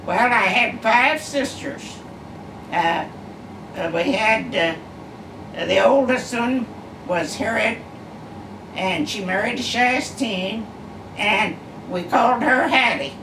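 A woman in her nineties, her voice on the high side, sits in an armchair at home and casually rambles through family stories, slow and full of pauses and uhs. A camera across the room records the echoey space along with background hum.

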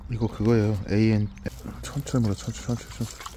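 A man talking gently to two shy country dogs outdoors as he feeds them, with coaxing baby talk and many repeated words. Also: lowish voice, flat delivery, quick pace, heavy background noise. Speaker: vlogger feeding rural dogs. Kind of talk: casual talk to dogs and camera.

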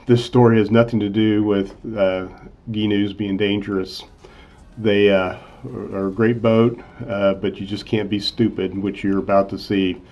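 A man's voice: fairly low pitch, a little mellow. A man in his sixties casually narrating his fishing trip, easygoing, with frequent "uh" fillers. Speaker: channel host, accountant. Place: in a car, then voice-over.

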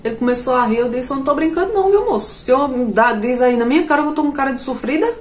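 Woman doing a comedy story, highish voice, loud bursts, echoey room. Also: racing. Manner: animated, jumps to shrill outbursts when quoting herself. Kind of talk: comic storytelling monologue.

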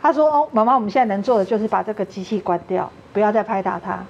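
A woman's voice: mid-range voice, lively intonation, very fast, a little mellow, muffled recording, slight background noise. A woman with a Taiwanese Mandarin accent, a talk show guest earnestly telling a personal story and acting out what others said. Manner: earnest, acts out quoted dialogue.

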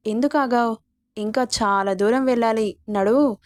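A woman's voice: a little high, normal speed, close to an everyday voice. A woman voicing an arrogant young man who taunts and threatens, in her own reading voice. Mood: taunting. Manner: mocking, threatening, smug. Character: arrogant, taunting young male college bully.

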